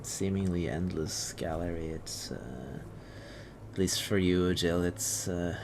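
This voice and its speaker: A man's voice: sits low, slow. A man narrating a tabletop game as game master, hesitant with many fillers and restarts. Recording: steady background noise.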